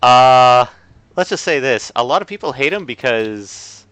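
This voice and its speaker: A man's voice: mid-range voice, animated, measured pace, a bit bright, clean tone, no echo. A man streaming a video game, chatting casually with a co-host and rambling with lots of filler words and restarts.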